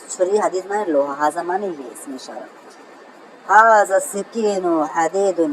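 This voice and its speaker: A man teaching Arabic grammar in a lecture, who keeps calling his listeners brother, reads example sentences slowly and answers his own questions. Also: high voice, darkish tone, a little hiss or hum, poor audio. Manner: asks a question and answers it himself. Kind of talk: classroom lecture.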